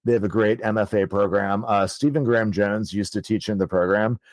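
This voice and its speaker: Speaking briskly with fairly even intonation, this thirty-something author rambles through his story on a podcast, dropping plenty of fillers and casual curses. His voice is lowish, and the studio audio has no room sound.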